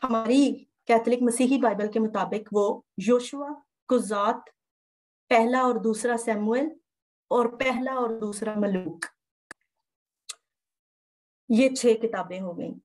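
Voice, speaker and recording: A woman's voice: on the high side, slow pace, pauses often, darkish tone. A woman giving a methodical Bible lesson from slides, repeating key terms as she explains. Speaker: Bible teacher. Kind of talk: slide-based lecture.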